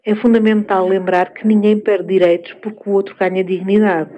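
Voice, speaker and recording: A woman with a European Portuguese accent, giving a measured, thoughtful spoken essay with frequent pauses. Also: medium pitch, little pitch movement, lo-fi sound, slight background noise.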